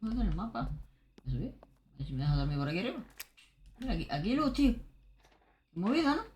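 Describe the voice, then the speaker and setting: A woman's voice: medium pitch, very animated, fast, darkish tone. A woman streamer from gives casual commentary on her game. She talks straight to her viewers and thinks aloud. Her voice swoops up and down a lot.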